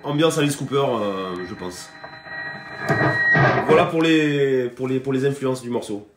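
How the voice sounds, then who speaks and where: Male guitar teacher on a live stream, loose and chatty, lots of fillers, mid-pitched voice, roomy sound with guitar under him. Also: a little slow. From France. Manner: chatty, hesitant, many fillers and restarts; greets viewers by name between explanations. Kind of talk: casual live guitar lesson.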